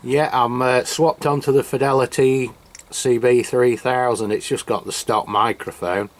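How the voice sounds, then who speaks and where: Standing on a cold, wet hilltop, a man from England gives a casual radio review to camera with a handheld radio mic, chatty and prone to fillers and restarts. His medium-pitched voice stays fairly even at a measured pace, with a little hiss or hum in the audio.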